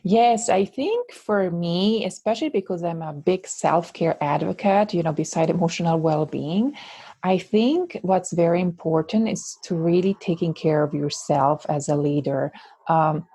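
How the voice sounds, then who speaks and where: Swiss Italian-accented woman, husky and low. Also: lively intonation, a little slow, dark tone. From Switzerland. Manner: thoughtful, many fillers and restarts. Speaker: guest coach. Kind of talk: interview conversation.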